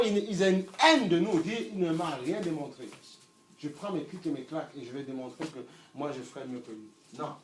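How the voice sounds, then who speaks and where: A middle-aged man with a high-pitched voice preaches a sermon, picked up from far off in a reverberant room with faint ambient noise. He swings from loud shouts down to near murmurs. He often repeats a word several times before going on. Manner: repeats words while searching for them.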